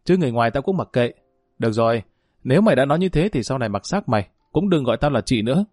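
A man voicing a sharp-tongued, quarrelsome older aunt in a spoken family drama. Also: medium pitch, lively intonation, dry recording, clean studio sound, lightly acted. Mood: scolding, furious. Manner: harsh, berating, rapid tirades.

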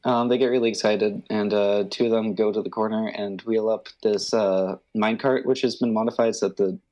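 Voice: medium pitch, steady tone, brisk, a little mellow, highs cut off. A game master casually narrating a tabletop game in a joking, informal way.

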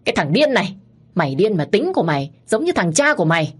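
A woman's voice: lowish voice, animated, moderate pace, darkish tone. A woman voicing a harsh older mistress of a rich household, speaking curtly and with scorn. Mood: furious. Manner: curt, scornful, bossy.

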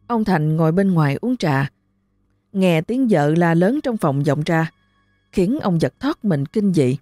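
A woman narrating a ghost story in a steady, dramatic way. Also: fairly low pitch, measured pace, no room sound, faint music behind.

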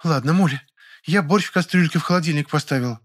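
A male narrator lightly acts out a fussy older housekeeper who dotes and takes alarm easily, lamenting in a rapid patter with a raised, higher voice. The storybook delivery is hurried and carries a fretful edge.

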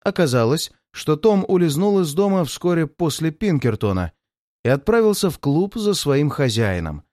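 Audiobook narrator, male, lively expressive reading, slightly higher voice. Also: normal speed, no echo, studio quality. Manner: expressive storytelling. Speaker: audiobook reader. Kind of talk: scripted narration.

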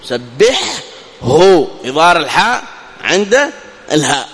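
High-voiced man teaching recitation. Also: expressive, a bit bright, big-room sound. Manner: explains step by step, asks questions and answers them himself; recites examples slowly and drawn out. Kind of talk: tajweed lesson.

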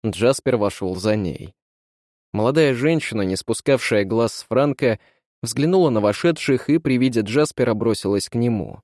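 A man reading a novel aloud as an audiobook in an even, unhurried way. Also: mid-range voice, no room sound, studio quality. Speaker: audiobook narrator.

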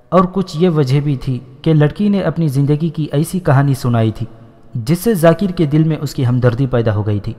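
Man narrating in a reverberant hall. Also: fairly high pitch. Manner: steady, measured reading. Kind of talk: scripted novel narration.

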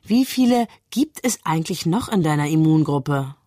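A woman's voice: deep voice, expressive, normal speed, dark tone, no room sound. A woman voicing an earnest young woman who talks in a sober, disapproving way, read in a dry studio. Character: serious, earnest young woman, a sensible sister. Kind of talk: literary reading.

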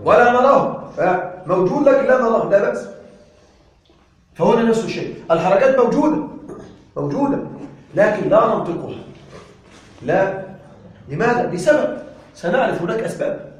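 A man teaching Arabic grammar in a classroom lecture, lively, often asking his students questions and answering them himself. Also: high-pitched, moderate pace, long pauses. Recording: echoey room, from far off.

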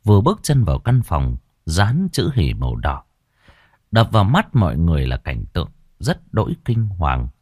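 A man narrating a scripted horror story in a dramatic, expressive way. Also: low-pitched, moderate pace, breathy edge, no room sound, clean studio sound.

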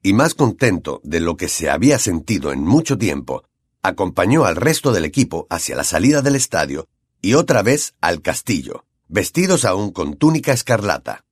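A man with a Latin American Spanish accent reads an audiobook with lively, swinging intonation at a middle pitch. His voice is husky, and the recording is close and dry. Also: moderate pace, no room sound. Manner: expressive, animated reading. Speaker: audiobook narrator. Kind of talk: audiobook narration.

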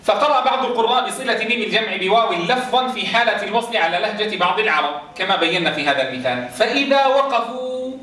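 A man's voice: high voice, animated, fast talker, hardly any pauses, sharp tone. A man teaching Quran recitation rules to a class, quizzing his students and chanting verse examples. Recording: roomy echo, distant mic.

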